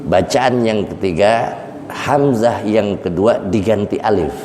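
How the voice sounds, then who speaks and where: A man teaching a Quran exegesis lesson, slowly repeating and drawing out recitations for his students. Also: on the low side, noisy background. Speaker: Islamic teacher. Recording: echoey hall, faint ambience.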